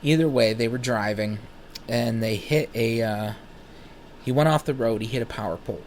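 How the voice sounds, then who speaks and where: A man of thirty tells stories about his own past in a loose, rambling, animated way. He swears casually and smokes between sentences. His voice sits at an ordinary middle pitch. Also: normal speed, a little hiss or hum. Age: 30s. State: smoking while talking. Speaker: vlogger. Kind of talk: casual personal storytelling.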